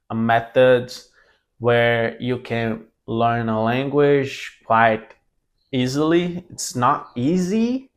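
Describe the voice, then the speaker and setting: A Brazilian man in his twenties, a language mentor whose first language is Portuguese, talks to camera casually with a Brazilian Portuguese accent. His voice is medium-pitched and fairly bright, and his delivery is halting, full of restarts and self-corrections.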